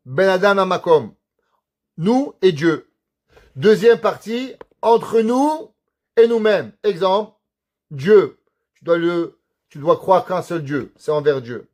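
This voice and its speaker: High-voiced rabbi teaching a lively class. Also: male voice. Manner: lively, asks and answers his own questions, tells jokes. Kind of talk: recorded Torah class.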